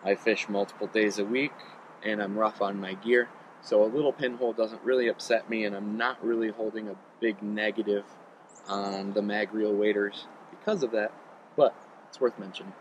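A man in his thirties chats through a gear review outdoors, relaxed and rambling with plenty of ums. His voice sits a little low. The camera stands a few meters away, with clear outdoor noise behind him. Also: moderate pace, lo-fi sound. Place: outdoors on a riverbank. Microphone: camera on tripod a few meters away.

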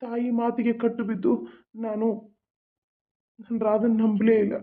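A man's voice: very high-pitched, monotone, unhurried. Cartoon husband lamenting his lost child, a performer's pleading tone, tinny line sound. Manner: emotional, pleading. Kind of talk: cartoon voice acting.

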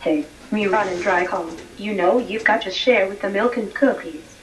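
A female computer voice playing a strict preschool teacher, flat and synthetic, heard from afar. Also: mid-range voice, normal speed, close to an everyday voice. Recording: distant, faint room noise.

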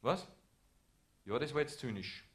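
A man's voice: medium pitch, lively intonation, unhurried, a bit bright. A man with an Austrian accent performing a sarcastic satirical monologue on a cabaret stage, ranting at the audience. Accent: Austrian German. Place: theater stage.

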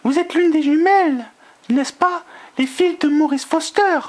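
A man voicing an effusive, gracious woman in her fifties, a society hostess, in a high falsetto. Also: normal speed, a little mellow. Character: gracious fiftyish hostess, former model, effusive.

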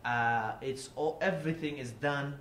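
A Kurdish-speaking man from Iraqi Kurdistan gives a public talk as a guest speaker in a university seminar room, picked up by a table mic from where he sits. His mid-range, fairly bright voice is unhurried, earnest and explanatory, with frequent restarts. The room is echoey with faint noise.

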